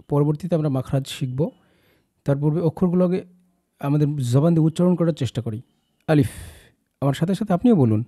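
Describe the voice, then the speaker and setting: A young man teaching the Quranic alphabet, encouraging his listeners and drawing out each letter slowly. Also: a little high, warm tone. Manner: encouraging, slow drawn-out recitation of letters.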